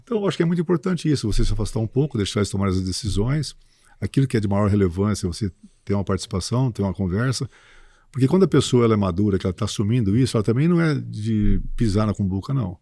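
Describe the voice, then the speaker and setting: A man in his sixties, a farm business owner, talking casually in an interview as a lively storyteller who keeps checking in with his listener. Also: on the low side, rapid-fire, dry recording, studio quality. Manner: lively storyteller, often tags "entendeu" and "cara".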